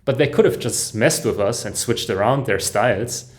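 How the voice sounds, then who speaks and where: Man giving excited live music commentary. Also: mid-range voice, moderate pace. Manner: enthusiastic, frequent soft "ooh"s and chuckles; breaks off and restarts sentences while listening. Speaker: music reaction host.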